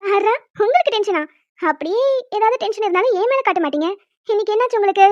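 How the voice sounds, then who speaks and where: A woman voicing a calm young wife and mother who soothes her husband with light amusement in a cartoon. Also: very high-pitched, fast, no echo. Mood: soothing. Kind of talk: cartoon voice acting. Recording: dull lo-fi dry recording.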